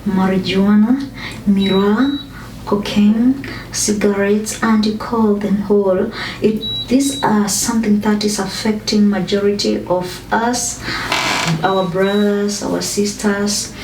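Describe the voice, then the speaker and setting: A woman from Kenya hosting a motivational discussion, giving earnest advice with frequent pauses and fillers. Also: mid-range voice, steady tone, darkish tone. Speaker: host. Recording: echoey room, distant mic, faint noise.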